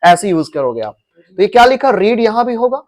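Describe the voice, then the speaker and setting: Very animated and brisk, a man with a high voice and an Indian accent teaches English grammar in a coaching classroom. He drills pronunciation and repeats words, speaking Hindi mixed with English.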